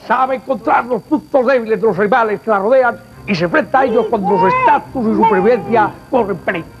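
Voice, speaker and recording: Man playing a high-voiced nature documentary narrator, solemn and measured, dull lo-fi sound. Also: over music, lightly acted. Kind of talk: parody wildlife documentary narration. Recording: dull lo-fi TV audio.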